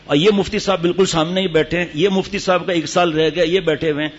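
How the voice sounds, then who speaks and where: A religious teacher at a mosque retreat gives a stern sermon to a gathering, scolding listeners with rhetorical questions. His voice is fairly high and steady, and the audio sounds dull.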